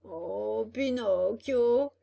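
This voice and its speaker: A woman voicing an old, lame, sly fox who begs in a slow, drawn-out whine. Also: sits high, a little mellow, pitched above the performer's own voice. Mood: whining.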